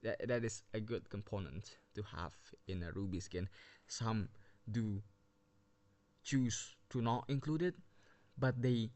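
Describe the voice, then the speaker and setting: A man with a fairly low, slightly mellow voice talks a little slowly as he reviews video game skins casually, rambling, restarting often, and running out of breath. He's recording on a built-in device mic with no headset while under a blanket, and the sound is dry.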